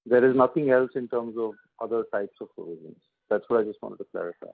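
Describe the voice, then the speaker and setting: A male analyst speaks over a tinny telephone connection, his mid-pitched voice rough and indistinct. He starts phrases with stammered repeats and keeps pressing to clarify. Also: fast talker. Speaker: analyst asking questions. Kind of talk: question and answer on a conference call. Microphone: phone line. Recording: rough, muddy phone line.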